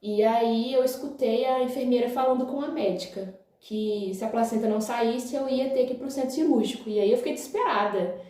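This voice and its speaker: A woman's voice: fairly high pitch, a little fast, few pauses, warm tone. Chatty young Brazilian woman vlogging. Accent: Brazilian Portuguese. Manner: chatty, often says "gente" and "né", laughs along. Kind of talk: casual storytelling to viewers. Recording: very echoey room.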